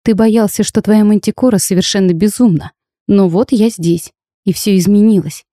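A woman reading the lines of a bold, sharp-tongued young half-fairy bride in a storybook tale, lively and teasing in tone. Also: mid-range voice, moderate pace, dry recording, clean studio sound, natural voice. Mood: spirited.

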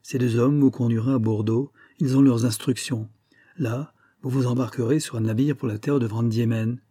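A man's voice: medium pitch, steady tone, normal speed, mellow, husky, dry recording, studio quality, natural voice. A man reading an audiobook voices a stern avenger giving firm commands. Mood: commanding. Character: stern male avenger holding a pistol.

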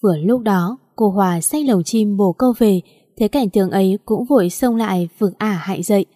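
A woman reading a storybook aloud in steady scripted narration. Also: medium pitch, normal speed, no echo, clean studio sound.

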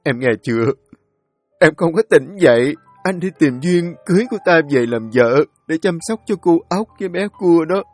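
A man's voice: mid-range voice, normal speed, darkish tone, no room sound, faint music behind, natural voice. A man voicing a grief-stricken young husband who pleads tearfully with his dying wife. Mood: sobbing desperate. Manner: sobbing, pleading, voice breaking.

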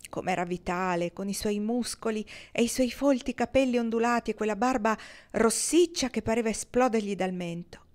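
Woman audiobook reader, mid voice, expressive storytelling. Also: medium pitch. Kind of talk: audiobook narration.

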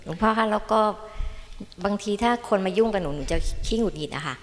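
A woman student politely asking her teacher questions, hesitant and filling pauses. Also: mid-range voice, expressive. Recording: echoey hall with faint noise.

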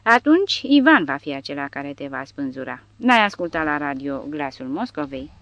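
A woman's voice: low-pitched, big pitch swings, a bit bright, muffled recording, full character voice. A woman voicing a scornful, mocking soldier. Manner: scolding and sarcastic.

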